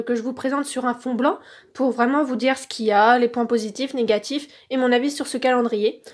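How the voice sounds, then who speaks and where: A woman casually reviewing toys as she unboxes them, filled with "donc" and "euh", recorded on a phone held in one hand. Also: sits high. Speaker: toy reviewer.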